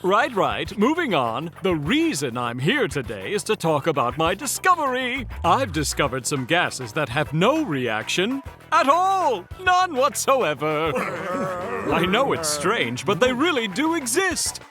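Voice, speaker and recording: A man's voice: high voice, huge pitch swings, unhurried, pushed and bright, soft background music, heavily acted. A man voicing an earnest, nerdy male moose scientist who lectures eagerly and laughs nervously in a cartoon. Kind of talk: cartoon voice acting.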